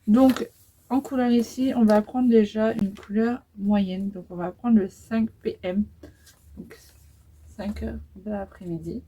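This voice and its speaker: A woman's voice: medium pitch, steady tone, slow pace, dark tone, slightly rough, poor audio. Chatty young woman doing a makeup tutorial. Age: 20s. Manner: chatty, hesitant, many fillers while applying makeup. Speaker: beauty vlogger.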